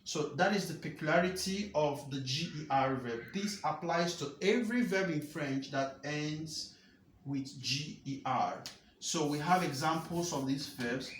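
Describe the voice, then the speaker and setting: A man with a somewhat high voice teaches French verb rules step by step. He repeats key points and checks in with rhetorical questions. The room is echoey, with a faint hum of ambience behind him. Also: a bit bright. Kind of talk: explaining grammar lesson.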